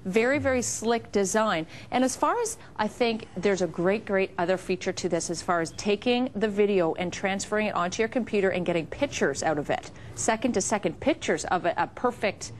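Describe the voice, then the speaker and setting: A woman hosting a home shopping segment, pitching products live with gushing enthusiasm. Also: a little fast, few pauses. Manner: enthusiastic, gushing over features. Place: TV shopping studio. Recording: noticeable background noise.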